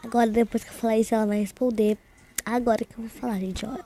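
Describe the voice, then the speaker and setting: Teen girl vlogger, mellow voice, chatty and rambling, quick delivery. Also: a little high, little pitch movement, a little hiss or hum. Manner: rambling, talks fast by her own account. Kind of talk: casual chat, recounting a prank.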